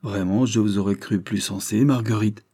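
A man reading aloud voices a light-hearted, mocking Victorian gentleman, teasing in tone. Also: on the low side, steady tone, normal speed. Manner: teasing, jocular.

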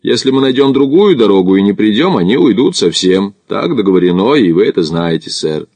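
A stern, clipped Sherpa guide, as a male audiobook reader puts him on, curt and firm. His talk carries louder than the narration, dry and close. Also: lowish voice, big pitch swings, a little fast, no echo.

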